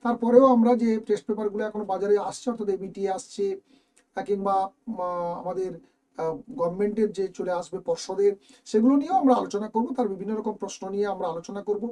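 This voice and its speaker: A man teaching, with a high voice and a dark, mellow tone. He goes through exam questions one at a time and talks straight to his students as he explains each answer. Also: fast. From West Bengal, India. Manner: explains step by step, addressing students directly. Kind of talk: exam question walkthrough lesson.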